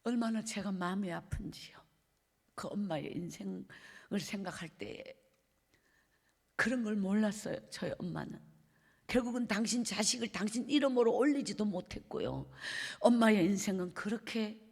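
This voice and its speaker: A middle-aged woman evangelist with a Gyeongsang accent, giving an emotional sermon testimony and often dropping to a soft hush. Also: mid-range voice, normal speed, vocal fry, husky. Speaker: evangelist preacher. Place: church sanctuary. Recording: long reverb of a church hall.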